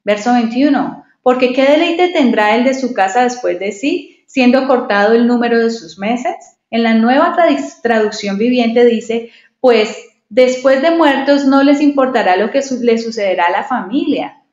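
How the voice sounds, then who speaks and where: A woman's voice: fairly high pitch, expressive, moderate pace, a little mellow. A woman giving a devotional Bible study, reading verses and explaining them with many rhetorical questions. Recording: echoey, dull lo-fi recording.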